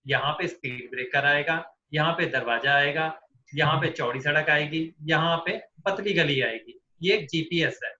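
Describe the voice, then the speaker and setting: Man, astrology teacher, bright tense voice, fairly high, echoey dull recording. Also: moderate pace. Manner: explains with everyday examples, acts out quoted people. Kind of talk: online astrology class lecture.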